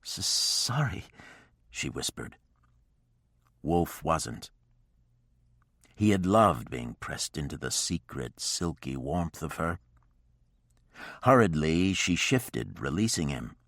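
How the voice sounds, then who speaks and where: A man narrating a historical romance audiobook in a steady, even storytelling manner. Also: rumbling low, takes it slowly, long pauses, dry recording, studio quality.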